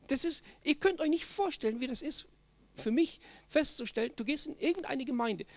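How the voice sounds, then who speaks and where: A man's voice: very high-pitched, lively intonation, fairly quick, no echo. A man preaching a sermon as pastor, emphatic and direct, often tagging his points with a questioning "ja?" to the congregation.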